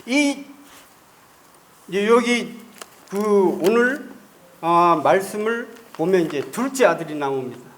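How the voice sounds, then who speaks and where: A man's voice: high voice, expressive, slow, long pauses, fairly bright tone. A male pastor preaching a Sunday sermon in a church, putting rhetorical questions to the congregation. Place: church sanctuary.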